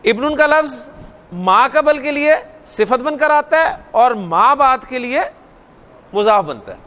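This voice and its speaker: High-voiced man teaching grammar. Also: animated, a little slow, bright, forceful tone. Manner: explains step by step, repeats key points, asks the class questions. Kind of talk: classroom grammar lecture. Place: classroom or studio lecture.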